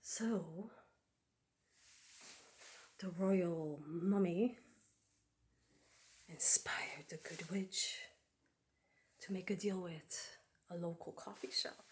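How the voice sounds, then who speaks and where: Slow, whispery woman telling a spooky tale. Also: fairly low pitch, slight background noise. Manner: often drops into a hushed whisper, dramatic; speaks warmly to the viewers as friends. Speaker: host telling a Halloween story. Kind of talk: spooky storytelling.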